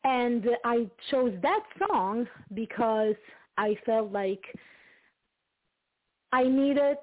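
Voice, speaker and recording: A woman's voice: on the high side, lively intonation. Italian woman on a tinny call line. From Italy. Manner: halting, many fillers and restarts, light laughs. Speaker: guest singer-songwriter. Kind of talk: casual interview chat. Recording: tinny phone-like call audio.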